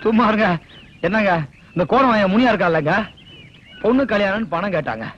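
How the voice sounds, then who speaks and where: A man's voice: sits high, animated, a little fast, a little hiss or hum. An actor playing a hot-tempered comic village man who grumbles and flares into threats, in a dull lo-fi film soundtrack. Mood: aggrieved. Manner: respectful "sirs" then angry shouting.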